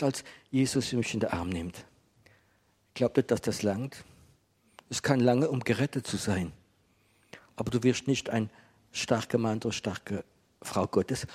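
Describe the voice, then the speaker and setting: A male preacher delivers a sermon in a mild, talkative manner. His voice has a slightly husky grain and sits at an ordinary pitch. He keeps drawing his listeners in with small questions. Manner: gentle, conversational preaching with rhetorical questions. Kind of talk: sermon to a congregation.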